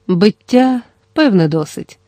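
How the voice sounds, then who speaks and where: A reader voicing an enraged merchant woman sorceress who screams insults and then turns soft and placating. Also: medium pitch, expressive, takes it slowly, dry recording. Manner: scolding, shrieking insults.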